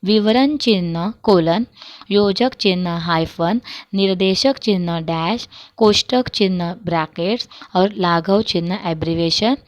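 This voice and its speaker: A woman teacher giving a grammar lesson to school students, explaining slowly and repeating examples. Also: on the low side.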